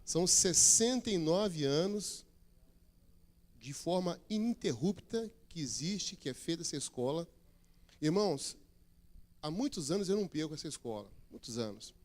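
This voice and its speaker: A man's voice: fairly high pitch, expressive, moderate pace, darkish tone. A man, a regional pastor, makes church announcements in a chatty, joking manner and rises to emphatic preaching.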